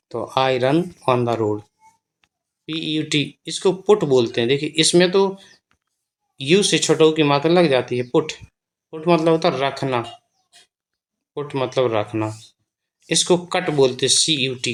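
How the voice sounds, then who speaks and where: With a fairly high voice and a Hindi accent, a man teaches beginners to read English words in a slow spelling and reading lesson. He spells each word letter by letter and repeats its meaning, over a slight hiss or hum.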